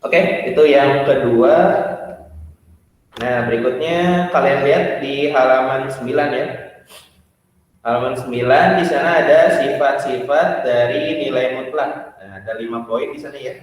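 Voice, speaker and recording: Man, math teacher, patient step-by-step explaining, distant mic, booming hall echo. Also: a little slow, a little hiss or hum. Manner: patient, step-by-step, many "nah" fillers. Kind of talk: classroom math lesson. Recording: echoey hall, far from the mic.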